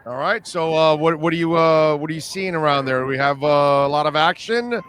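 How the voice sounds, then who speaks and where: A man's voice: fairly high pitch, a little fast, a bit bright. A man hosting a sports talk show, chatting casually and putting questions to his guest.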